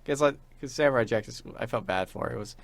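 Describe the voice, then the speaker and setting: Fast and creaky, this medium-pitched young man rambles enthusiastically as a fan while co-hosting a podcast in casual chat.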